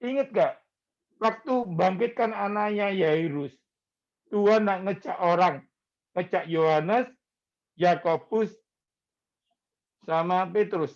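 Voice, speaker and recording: Slow-preaching pastor. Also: male voice, sits high, dull audio. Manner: slow, conversational preaching mixing in Javanese words. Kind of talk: sermon.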